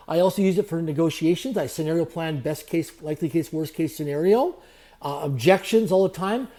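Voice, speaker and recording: A man speaks at a rapid clip in an interview, stacking phrases in repeated lists. His voice sits a little high for a man but sounds warm and mellow. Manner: fast, repetitive motivational phrasing. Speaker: guest, entrepreneur. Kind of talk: podcast interview.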